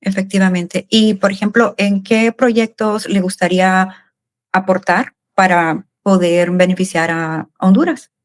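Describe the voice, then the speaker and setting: A woman's voice: medium pitch, steady tone, unhurried. A woman hosts a business podcast, putting polite, formal questions to her guest. Her voice sounds dry and close, with no room echo around it. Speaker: podcast host. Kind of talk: interviewing a guest.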